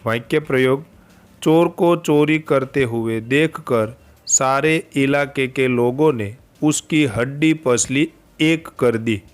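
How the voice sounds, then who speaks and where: Teacher, male, unhurried, repeats answers, mid pitch. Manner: slow, patient, repeats each answer after reading it. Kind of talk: homework revision lesson.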